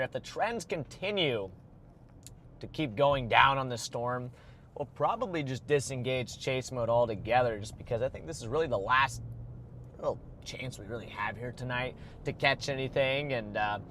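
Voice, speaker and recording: A man's voice: mid-range voice, fairly bright tone, a little hiss or hum. Rambling man streaming live from a car. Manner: rambling, thinking aloud with fillers. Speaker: storm chaser streaming live. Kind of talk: casual live commentary from a car. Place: in a moving car.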